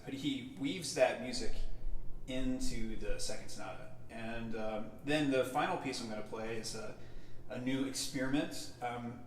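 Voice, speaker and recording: A man talks with a heavy cave-like reverb on his voice, as if standing inside a cavern. He sits some distance from the mic, with a faint hiss underneath. He rambles in a relaxed, easygoing way, full of fillers, while hosting a casual stream. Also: medium pitch. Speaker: host and musician. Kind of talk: casual livestream chat.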